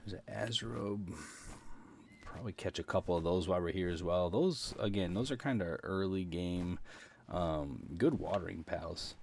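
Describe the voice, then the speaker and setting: Man, gaming host, chatty rambling commentary, low pitch, gravelly. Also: a little mellow, slight background noise. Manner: chatty, rambling with many ums. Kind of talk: casual gameplay commentary. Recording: game music underneath. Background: game music.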